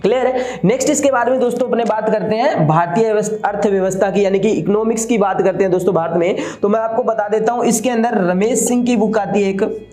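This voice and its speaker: Male coaching teacher, high voice, echoey room, chatty rhetorical style. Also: fast talker, mellow, soft background music. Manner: chatty, asks rhetorical questions, mimics students. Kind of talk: exam-prep lecture.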